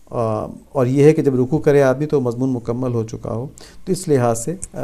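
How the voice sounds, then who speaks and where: A man's voice: medium pitch, dark tone. A man giving a patient religious lesson, explaining step by step and repeating key phrases for emphasis. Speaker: religious teacher. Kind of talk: religious instruction talk.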